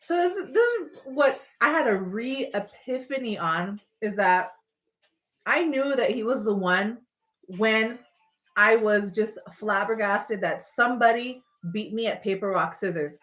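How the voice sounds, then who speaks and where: A woman hosting a casual livestream, telling personal stories in an animated, playful, rambling way with emphatic points. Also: a little high, unhurried. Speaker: livestream host.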